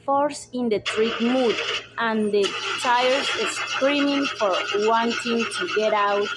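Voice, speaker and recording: A young woman whose first language is Spanish, slowly reading a dark story aloud with careful pauses, over loud background music. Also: a little high, noisy background. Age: young adult. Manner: slow, careful reading, with pauses between phrases. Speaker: student narrator. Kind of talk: read-aloud story narration.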